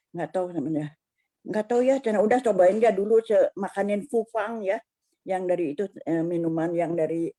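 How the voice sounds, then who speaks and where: A woman's voice: mid-range voice, mellow. An older woman giving an emotional, rambling personal testimony over a video call, with many restarts. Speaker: congregation member giving a testimony.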